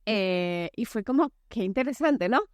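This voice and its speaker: A woman's voice: a little high, animated, a little slow, no room sound, studio quality. A woman in her forties hosting a solo podcast as an anger coach, talking casually with many fillers. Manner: chatty, many fillers, acts out quoted voices.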